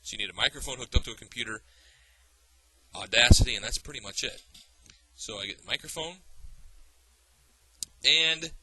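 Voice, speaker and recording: A man teaching a software tutorial, explaining patiently step by step with small fillers and restarts. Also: mid-range voice, lively intonation, moderate pace, long pauses, husky, poor audio. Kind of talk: screencast tutorial.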